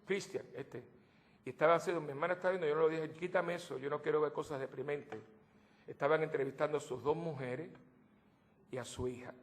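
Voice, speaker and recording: A priest giving a sermon to his congregation, animated, with joking asides and swings between loud outbursts and soft low remarks. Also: fairly quick.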